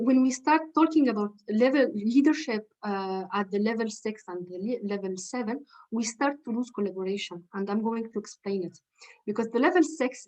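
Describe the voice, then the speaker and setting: A woman's voice: medium pitch, a little mellow, rough recording. A woman leadership coach giving a lecture, explaining step by step and repeating her key questions for emphasis. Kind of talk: webinar lecture.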